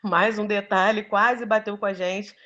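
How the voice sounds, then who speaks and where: A woman's voice: medium pitch, fairly even intonation, unhurried, sharp tone, dull audio. A woman giving an earnest, emotional personal testimony, telling her story with many fillers. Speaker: testimony giver.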